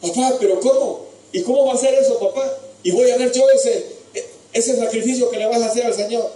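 A man voicing the young boy Isaac, pleading with his father in high, urgent questions. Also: moderate pace, a little mellow. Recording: echoey room from far off.

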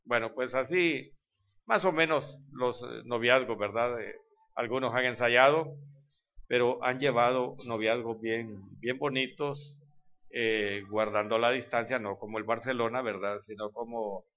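A man's voice: medium pitch, steady tone, a little slow, fairly bright tone. A man preaching an informal sermon to his congregation. He talks conversationally, tells folksy joking anecdotes and keeps checking in with his listeners. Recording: dull lo-fi recording.

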